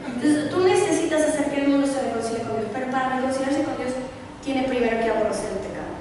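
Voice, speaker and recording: A woman's voice: high-pitched, fast talker, darkish tone, a little hiss or hum. A woman pastor with a Mexican Spanish accent, preaching a sermon emphatically with rhetorical questions. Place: church hall. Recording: echoey hall from far off, faint ambience.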